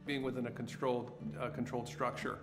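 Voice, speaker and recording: A man's voice: mid-range voice, level tone, fast, over music. A man talking in a promotional interview, rambling with fillers.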